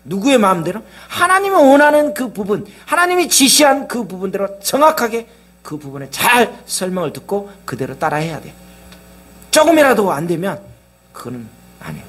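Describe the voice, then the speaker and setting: A man's voice: high voice, husky. A male pastor preaching a sermon, asking the congregation question after question.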